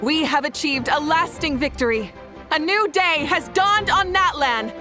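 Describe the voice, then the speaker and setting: A woman voice actor playing a confident, warm and commanding leader in a video game, speaking with measured assurance. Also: sits high, over music. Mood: rousing, solemn.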